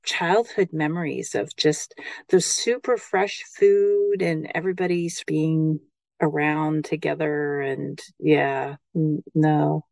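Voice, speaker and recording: A woman's voice: deep voice, steady tone, takes it slowly, vocal fry, darkish tone, no room sound. A woman co-hosting a podcast, chatting and asking curious, friendly questions. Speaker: podcast co-host. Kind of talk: casual interview chat.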